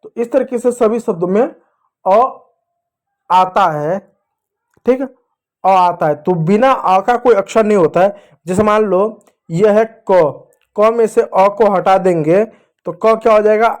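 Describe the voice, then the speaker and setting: A man with a high, light voice gives a patient reading lesson for children. He repeats each sound slowly, asks a question and answers it himself, and keeps calling his listeners dear children. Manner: addresses the viewers as dear children. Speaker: teacher.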